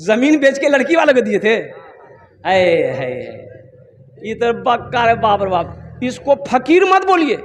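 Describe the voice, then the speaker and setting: A man gives a rousing sermon in a strikingly high voice, throwing questions at his listeners. The voice rings out through a long, echoing hall over a faint hiss. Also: lively intonation, normal speed, hardly any pauses. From Kolkata, India. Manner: rousing, calls out questions to the crowd. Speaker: Islamic preacher. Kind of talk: sermon at a religious gathering.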